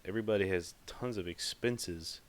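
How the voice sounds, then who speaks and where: Deep-voiced man rambling on a podcast. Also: moderate pace. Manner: rambling and emphatic, with many fillers. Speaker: podcast host. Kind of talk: casual monologue.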